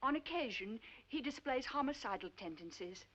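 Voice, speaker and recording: An actress in a 1950s film playing a flighty, affected upper-class wife with a breathy, gushing manner. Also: female voice, on the high side, lively intonation, normal speed, fairly bright tone. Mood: mock confession. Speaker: film character. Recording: dull old film soundtrack with music.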